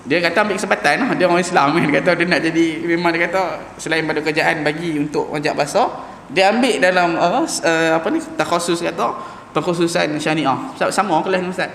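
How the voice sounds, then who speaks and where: Teaching Quran recitation, this man speaks informally in a slightly high, gravelly voice with a touch of brightness. When he demonstrates Arabic sounds he draws them out slowly, and his words echo with long reverb through a large mosque hall, a faint hum underneath.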